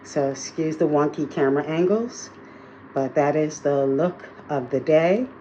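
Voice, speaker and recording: Low voiced lady rambling thru her day vlog, phone audio a bit muffled. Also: a little slow, warm tone, a little hiss or hum. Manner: chatty, filler-heavy, talking straight to viewers. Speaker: vlogger. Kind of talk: casual day-in-the-life vlog. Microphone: phone held in hand.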